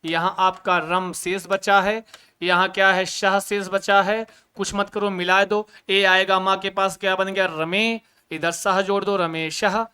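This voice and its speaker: A man teaches a grammar lesson in a bright, forward voice that rings clear and smooth. He keeps asking his students questions and then answers them himself. He drops in quick joking asides as he goes. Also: high voice, level tone.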